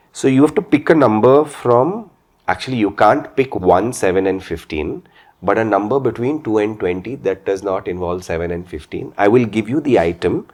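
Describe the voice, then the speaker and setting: A man's voice: on the low side, darkish tone. A man with an Indian accent hosting a casual interview, chatting with his guests and putting questions to them. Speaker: podcast host.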